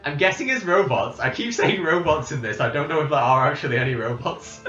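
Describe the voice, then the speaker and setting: Casual male podcaster, halting and digressive, in a roomy room on a somewhat lo-fi mic. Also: a little high, animated, fairly bright tone, faint music behind. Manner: rambling, halting, with frequent restarts and laughs. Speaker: podcast host. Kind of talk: casual chat, recapping a game plot from memory. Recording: roomy, slightly dull home recording.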